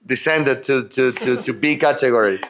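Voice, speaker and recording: An Argentine man chatting in English with a clear Spanish accent. He talks with eager energy, tripping over his words and restarting sentences, and laughs easily as he goes. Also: medium pitch, moderate pace, a crowd in the background. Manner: enthusiastic, stumbling restarts, laughs often. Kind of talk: casual chat.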